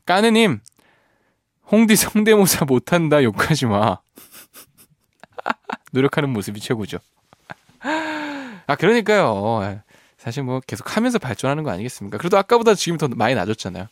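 A man's voice: fairly high pitch, huge pitch swings, moderate pace, pauses often, no echo, clean studio sound. A man hosting a radio show, reading out listener messages playfully and laughing often. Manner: playful, laughs often, strains voice singing a line. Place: radio studio.

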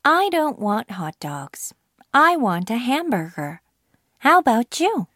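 A woman reading a very slow, clear student dialogue voice. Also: a little high, very animated, fairly bright tone, no echo, clean studio sound, heavily acted. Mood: plain. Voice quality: careful over-enunciated delivery. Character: plain female student in an English dialogue. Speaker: dialogue speaker in a listening exercise.

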